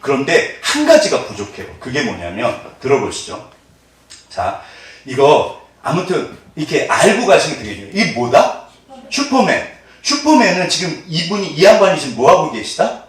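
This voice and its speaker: There's plenty of laughter as this middle-aged pastor quizzes his congregation during a sermon, drawing them into call-and-response with animated energy. His slightly high voice moves at an ordinary pace, and the distant mic catches the echo of the sanctuary hall.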